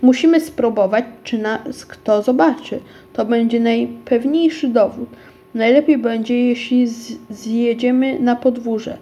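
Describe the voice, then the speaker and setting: A woman's voice: fairly high pitch, fairly even intonation, measured pace, dark tone, lo-fi sound. A woman voicing an eager, persuasive young boy in a storybook reading. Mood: reasoning. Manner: pleading, enthusiastic.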